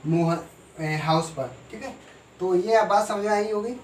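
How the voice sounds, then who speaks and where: A man teaching a grammar lesson, who explains slowly and asks and answers his own questions. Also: high voice. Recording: echoey room, voice from far off, faint noise.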